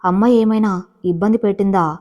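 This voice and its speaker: A woman voicing a kind, patient young husband in a storybook reading, speaking gently and considerately. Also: mid-range voice, a little fast, lightly acted.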